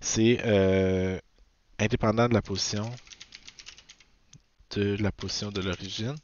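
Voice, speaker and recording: A man's voice: fairly low pitch, fairly even intonation, unhurried, slight background noise. A man with a Québécois French accent, teaching a recorded physics lecture, often checking in with "ok?" and correcting himself as he goes. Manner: frequent "ok?" checks, self-corrections. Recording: dull, dry lo-fi sound.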